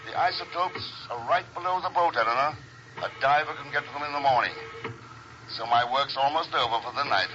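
An actor playing a cool, unflappable secret agent in an old radio drama, measured and authoritative. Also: male voice, mid-range voice, sharp tone, faint music behind, lightly acted. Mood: matter-of-fact. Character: cool, unflappable middle-aged male secret agent hero. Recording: noisy, muffled vintage radio recording.

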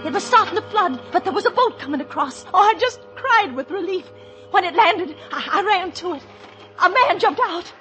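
A frantic wife who pleads and stammers in a very high voice. She also narrates her own night. Music plays clearly under the old radio recording. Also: animated, normal speed, pushed and bright, heavily acted. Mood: narrating. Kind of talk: 1940s radio acting.

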